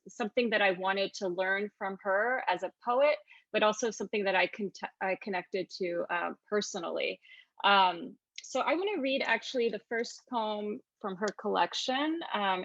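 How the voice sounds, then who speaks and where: An American woman giving a literary talk and poetry reading in a thoughtful, halting way. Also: mid-range voice, fairly bright tone, dry recording, lo-fi sound. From Northern Virginia, United States. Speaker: poetry translator.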